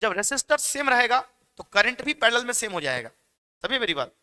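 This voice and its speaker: A man's voice: very high-pitched, sing-song, brisk, pushed and bright, clear, resonant tone. A young man with a Bihari Hindi accent teaching physics exam questions in a chatty, joking classroom manner, mixing in English terms. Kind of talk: exam-prep lecture.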